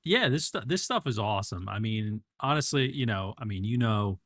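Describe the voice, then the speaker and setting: A man's voice: on the low side, expressive, normal speed, a bit bright, dry recording, studio quality. A man co-hosting a casual podcast, talking in an easygoing, rambling way with many fillers. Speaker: podcast co-host.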